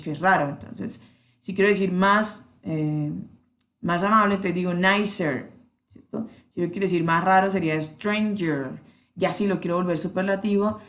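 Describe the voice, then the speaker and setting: Teacher lady, lowish voice, slows way down on the english examples, faint hiss behind. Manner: patient, checks in with "¿cierto?" often. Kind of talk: explaining a grammar lesson.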